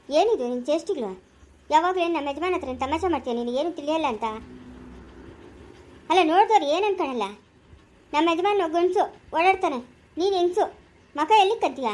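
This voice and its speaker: A woman playing a sharp scolding village wife. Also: very high voice. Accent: rural Chikkaballapura Kannada. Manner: sharp scolding, rapid-fire questions. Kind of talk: village family skit acting.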